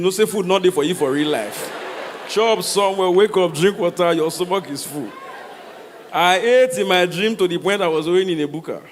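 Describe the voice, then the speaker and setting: A Nigerian man performing comedic stories to a live audience, animated, slipping into Pidgin and acting out dialogue. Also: high voice. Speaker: stand-up comedian. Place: large hall with a stage. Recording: echoey hall, noisy live sound.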